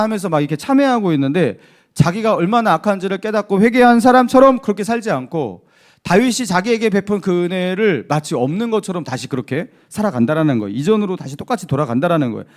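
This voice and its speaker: A male pastor preaching a sermon, emphatic, asking the congregation rhetorical questions. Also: sits high.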